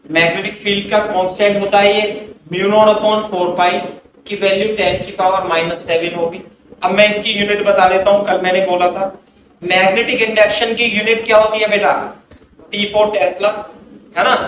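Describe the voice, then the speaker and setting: High-voiced teacher in an echoey classroom. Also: male voice, fairly bright tone. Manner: repeats checks like "clear hai kya baat?", calls students "beta"; slow, drawn-out dictation of terms. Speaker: physics teacher. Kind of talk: classroom lecture mixing Hindi and English. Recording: very echoey room, mic far off, faint hiss.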